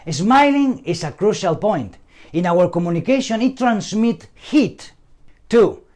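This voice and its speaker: A man giving a scripted training lecture on communication, working through numbered points deliberately with pauses. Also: high-pitched, a little mellow.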